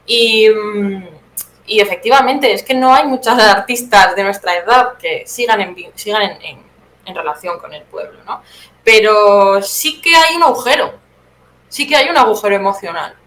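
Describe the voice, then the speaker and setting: The guest playwright, a young woman from Teruel with a Spanish accent from Spain, chats through her interview answers at a moderate pace. Her mid-range voice has a fairly bright tone, and the room adds echo along with clear background noise.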